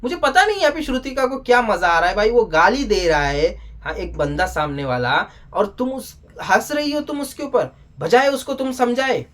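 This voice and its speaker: TV show reviewer, casual spoken recap, middle pitch, animated, exclaiming, scolding. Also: moderate pace, few pauses.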